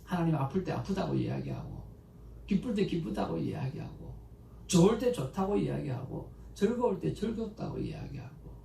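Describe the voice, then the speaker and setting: A man, a pastor, giving a conversational Sunday sermon in a church, mixing stories with animated pleas to God. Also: on the high side, normal speed, gravelly. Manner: conversational, anecdotal preaching with animated emotional quotes. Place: church sanctuary. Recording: echoey church room, mic at a distance, faint background noise.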